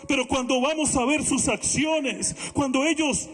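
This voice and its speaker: Man, pastor, high-pitched, slow measured preaching, earnest, reverberant hall. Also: fairly bright tone, soft background music. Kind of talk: sermon.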